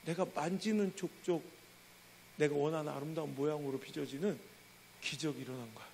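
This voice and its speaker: A middle-aged pastor tells a story from the pulpit in a church with animated, emotional energy. His voice sits high for a man and carries a gravelly edge. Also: brisk, slight background noise, poor audio. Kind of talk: sermon storytelling.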